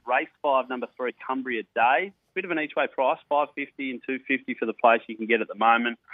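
A man's voice: mid-range voice, dry recording, phone-quality sound. An Australian man presenting greyhound racing on radio in a casual, matey, blokey and colloquial way. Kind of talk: casual sports radio interview and racing tips.

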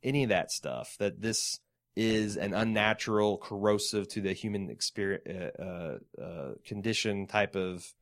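A man with a fairly low voice co-hosts a casual chat show, and he talks bluntly with lots of swearing. He drops dry, sarcastic asides, sounding like he is talking loosely among friends. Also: a little slow. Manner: blunt and profane, sardonic asides. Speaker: podcast co-host. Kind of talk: casual chat, reading a written account aloud.

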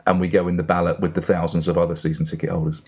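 Middle-aged male football podcast guest, low-pitched, Essex accent, casual conversational delivery. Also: completely flat delivery, rapid-fire, darkish tone, husky. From Essex and east London, England.

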